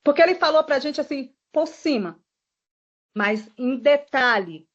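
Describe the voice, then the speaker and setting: Brief: woman, high voice, testifying, emotional rushed retelling, dull lo-fi audio. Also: animated. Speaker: witness giving testimony. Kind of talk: recounting events in a formal statement. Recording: dull lo-fi recording.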